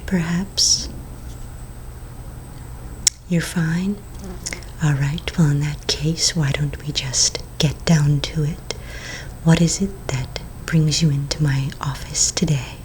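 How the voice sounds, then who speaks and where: In a mostly whispered ASMR roleplay, a woman plays a courteous vampire real estate agent, soft-spoken, polite, unhurried and attentive. Her voice sits low, and the rough recording has slight background noise.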